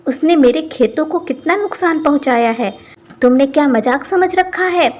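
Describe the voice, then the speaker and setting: A woman's voice: high-pitched, normal speed, a little mellow, close to an everyday voice. Woman playing a bossy village headman. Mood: scolding. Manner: scolding, commanding. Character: bossy middle-aged male village headman.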